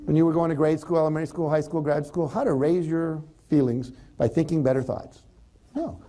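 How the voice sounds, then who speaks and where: Mellow-voiced man giving a motivational talk. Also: fairly high pitch, fairly quick. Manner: conversational, animated, acts out example thoughts. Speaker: motivational speaker.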